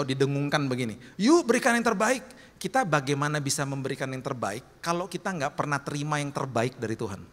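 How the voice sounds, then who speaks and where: A man's voice: mid-range voice, a bit bright. A male pastor preaching a sermon, telling a story and acting out the voices of the people in it. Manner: storytelling, acts out voices in anecdotes. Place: large church hall. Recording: long hall reverb.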